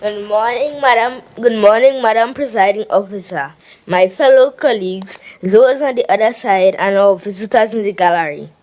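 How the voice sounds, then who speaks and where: A woman's voice: medium pitch, moderate pace, darkish tone. A woman reads a persuasive speech in an assembly chamber, posing rhetorical questions. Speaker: youth assembly member. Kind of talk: read parliamentary speech.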